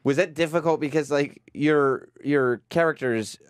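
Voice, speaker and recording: A man's voice: on the high side, unhurried, clear, resonant tone, dry recording, clean studio sound. Man host asking questions. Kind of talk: interview chat.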